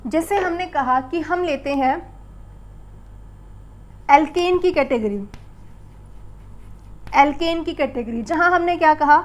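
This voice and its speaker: High-voiced woman teaching chemistry. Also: slow, long pauses. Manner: asks the class questions and answers them herself; calls the pupils beta and bachche. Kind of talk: classroom lesson.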